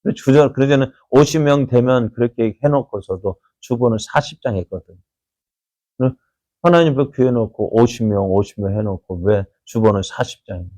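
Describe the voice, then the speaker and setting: A man preaching a dawn prayer sermon as pastor, asking his congregation many rhetorical questions and acting out quoted voices in loud bursts. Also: mid-range voice, brisk, dry recording.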